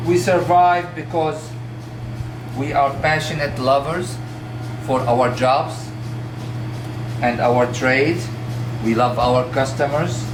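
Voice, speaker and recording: A man in his sixties, from Palestine and raised in Kuwait, telling his life story as a shop owner in a measured, earnest way with many pauses and hesitations. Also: mid-range voice, background noise. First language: Arabic. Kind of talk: documentary interview, life story. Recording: roomy shop, mic at a distance, music behind.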